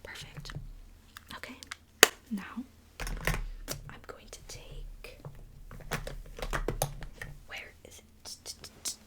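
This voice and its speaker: A woman's voice: very slow, pauses often. Woman whispering chatty ASMR makeup talk. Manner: soft chatty whisper with filler likes. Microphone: close camera mic, handheld filming.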